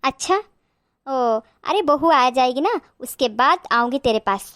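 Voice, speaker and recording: A woman's voice: high-pitched, expressive, a little slow, a bit bright, dry recording, studio quality. A woman voicing a blunt, stingy middle-aged aunt who talks in a scolding, dismissive way.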